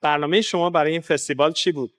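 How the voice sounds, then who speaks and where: A man's voice: a little high, steady tone, fairly bright tone. A man with an Iranian Persian accent interviewing guests on location in a formal, courteous way. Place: public festival. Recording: crowd chatter at public event.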